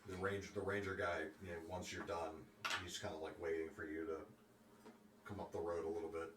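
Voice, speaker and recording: A man narrating a tabletop game as game master in a casual, halting, sometimes profane way. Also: deep voice, little pitch movement. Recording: roomy echo, faint background noise.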